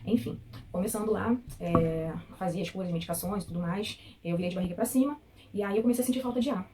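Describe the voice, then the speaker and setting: A woman telling her own birth story, speaking quickly with indignation and quoting the staff who treated her. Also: medium pitch, background noise. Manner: fast, tearful and indignant, quotes staff. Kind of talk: emotional personal account.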